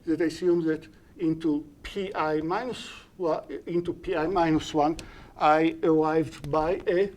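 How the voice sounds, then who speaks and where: A man lecturing at university, whose native tongue is Hebrew, talks through an algorithm in English in a live-streamed session. Soft-edged and mellow despite its slightly high pitch, his voice pauses as he stops to correct and restart.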